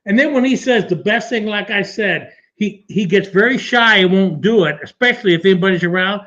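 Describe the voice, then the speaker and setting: A man's voice: high-pitched, brisk, a bit bright. A man co-hosting a radio talk show, telling rambling, jokey stories. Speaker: co-host. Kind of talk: casual joking banter. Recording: dull lo-fi sound.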